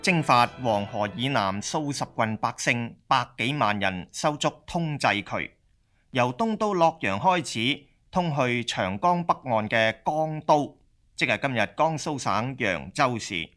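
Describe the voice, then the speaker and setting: A male narrator reads a scripted history lesson. He keeps his delivery steady and explanatory, with a voice of middling pitch. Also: measured pace.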